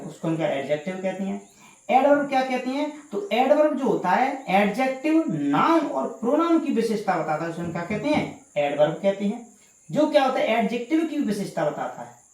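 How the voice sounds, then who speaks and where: A woman's voice: medium pitch, a little mellow. A woman teaching English grammar in an online lesson, asking questions and answering them herself and repeating key words. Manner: addresses students as "guys". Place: indoor room with a power cut. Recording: echoey room.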